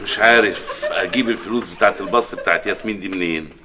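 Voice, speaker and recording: An actor with an Egyptian accent playing an excitable, doting father who is quick to snap at his slow-witted helper. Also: deep voice, background noise, lightly acted. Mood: alarmed. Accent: Egyptian Arabic. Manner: fast, bright and snappy, quick to shout. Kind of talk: sitcom acting.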